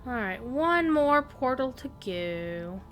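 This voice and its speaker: A woman's voice: sits high, sing-song, takes it slowly. A woman game streamer giving casual live commentary, musing and thinking aloud as she plays. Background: soft game music.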